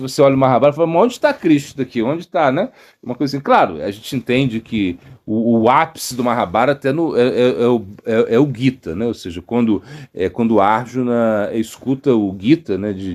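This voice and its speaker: Halting Brazilian monk, lively pitch. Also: male voice. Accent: Brazilian Portuguese. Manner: halting, many fillers and tag questions. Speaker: monk teaching a devotional lecture. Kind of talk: informal devotional talk.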